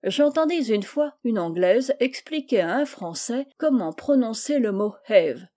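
Woman reading a humorous novel, mellow tone. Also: on the high side, animated, unhurried. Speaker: audiobook reader.

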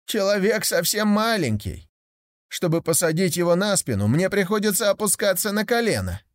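A man doing a high-voiced chatty camel. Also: sing-song, normal speed, no echo, clean studio sound. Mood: explaining. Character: big patient male camel, long-suffering.

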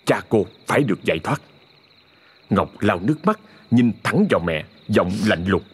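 A man narrating a horror story in a dramatic, expressive scripted reading. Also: on the low side, normal speed, breathy edge.

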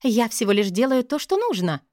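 A woman's voice: a little high, very animated, brisk, a little mellow, dry recording, studio quality. Woman doing a sugary, evasive young noble lady. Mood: coy.

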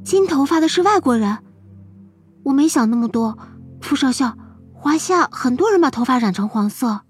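A man voicing a clever, guarded young girl in an audiobook, in a soft, earnest and polite manner. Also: animated, moderate pace, soft background music. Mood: flustered. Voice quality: high, thin girlish voice. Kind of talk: audiobook character voice.

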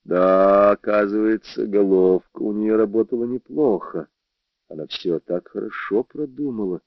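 Low-voiced man narrating a crime novel. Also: a little slow, dry recording, muffled recording. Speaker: audiobook narrator.

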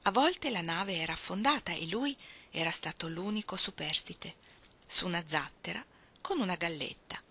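A woman reading a literary novel aloud, expressive, dropping at times to hushed, almost whispered phrases. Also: on the low side, normal speed, breathy edge. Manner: expressive, shifting between soft hushed phrases and emphatic ones. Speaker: reader.

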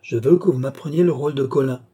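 A man's voice: mid-range voice, fast talker, mellow, slightly rough, voice pushed up, natural voice. A man voicing a playful young prince who banters like a schoolboy on holiday. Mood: merry, teasing. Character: playful young male prince, merry and teasing.

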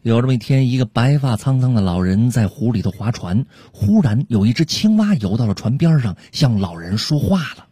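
A man's voice: medium pitch, lively intonation, fairly quick, hardly any pauses, warm tone. A man narrating comic stories on a radio joke program. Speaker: joke storyteller.

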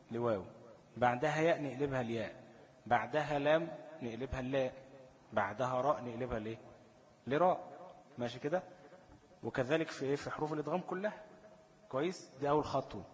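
A man with an Egyptian accent teaching Quran recitation rules, quizzing the listener and answering himself, chanting verse examples slowly. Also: mid-range voice, long reverb tail. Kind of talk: tajweed lesson in colloquial Egyptian Arabic.

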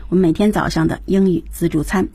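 Mellow husky lady co-hosting an english lesson on the radio, lowish voice. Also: fairly even intonation, quick pace, no echo. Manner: prompts the next word and recaps the teacher. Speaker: radio co-host. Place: radio studio.

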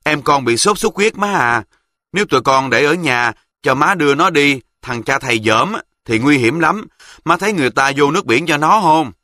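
A man's voice: a little high, lively intonation, moderate pace, pushed and bright, dry recording, studio quality, voice pushed up. A man voicing an indignant young boy with a Southern Vietnamese accent who speaks urgently to his mother. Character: angry young southern boy, worried brother.

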